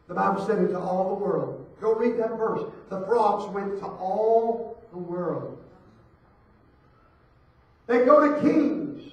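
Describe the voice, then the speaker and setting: A man preaching, his high voice rising and falling as he repeats his lines. He goes from near-whispers to full shouts. He stands well back from the mic, and the church hall echoes heavily around him. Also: a little slow, far from the mic, muffled recording. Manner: swings from hushed to shouting, rhythmic repetition. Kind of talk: fiery church sermon. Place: church sanctuary.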